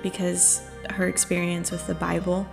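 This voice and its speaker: A woman's voice: fairly low pitch, completely flat delivery, moderate pace, vocal fry, music in the background. A woman co-hosting a casual podcast, explaining and summarizing in an easygoing way, with the odd swear word. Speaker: podcast co-host. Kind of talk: casual conversational discussion.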